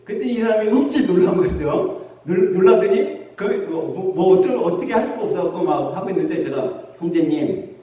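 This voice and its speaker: A middle-aged man preaching a sermon as pastor, telling stories in a chatty, lively way. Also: high voice, brisk. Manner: conversational storytelling, lively with laughs. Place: church sanctuary. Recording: very echoey church hall, distant mic.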